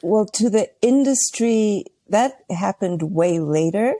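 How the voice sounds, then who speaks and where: Young woman, from tanzania, podcast guest, relaxed chat, mellow tone, dry close sound. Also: mid-range voice, takes it slowly, no room sound. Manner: relaxed, many fillers like "like". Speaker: guest, R&B singer and songwriting coach. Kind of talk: casual chat.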